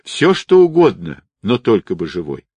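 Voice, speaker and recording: A man's voice: fairly low pitch, huge pitch swings, normal speed, darkish tone, breathy edge, no room sound, heavily acted. A man reading aloud, voicing a frightened young woman who pleads and snaps at a friend. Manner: pleading, frantic. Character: anxious, tearful young woman.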